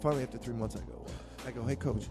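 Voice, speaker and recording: A man, a head basketball coach telling stories in an interview. He speaks with animation and gets louder on his punchlines. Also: medium pitch, rapid-fire. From Philadelphia, USA. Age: 50s. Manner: animated storyteller, rising loud on punchlines. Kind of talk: storytelling in an interview. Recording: music playing under the voice.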